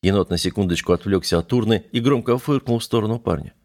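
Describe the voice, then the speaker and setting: A man narrating an audiobook in an even, measured reading. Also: fairly low pitch.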